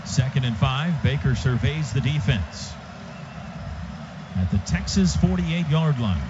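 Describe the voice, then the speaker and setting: An American man calls live football play-by-play from a stadium radio booth in clipped, punchy phrases. His mid-range voice is animated but unhurried. The live broadcast sounds dull and noisy.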